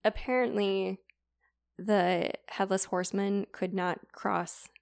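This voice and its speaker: A woman on a podcast retells an old tale in a loose, chatty way, full of "like" and asides. Her voice sits mid-range and carries a gravelly fry at the ends of phrases. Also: mid-range voice, steady tone, takes it slowly, a little mellow. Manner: chatty, filler-heavy, lots of "like". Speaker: podcast co-host retelling a classic story. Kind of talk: casual chat retelling.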